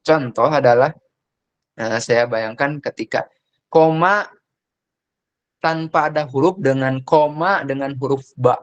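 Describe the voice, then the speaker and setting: A young man teaching Arabic in a casual lecture, explaining with examples and reciting verses slowly. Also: medium pitch, dull audio.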